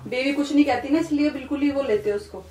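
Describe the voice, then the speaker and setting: Fast and high-voiced, a female prank video creator shouts at her husband during a heated bedroom argument, repeating the same brief question. Heavy background noise, echo, music and distance from the mic mark the home recording.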